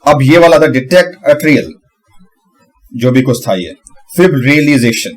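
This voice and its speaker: A man giving a casual tutorial on pronunciation, breaking hard words into syllables and repeating them slowly. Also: mid-range voice, expressive, soft background music. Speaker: channel host.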